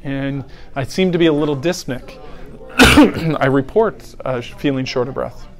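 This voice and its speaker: A middle-aged paramedic educator delivers a conversational teaching lecture on airway decisions, walking through scenarios and posing rhetorical questions to the audience. His mid-range voice moves at a measured pace.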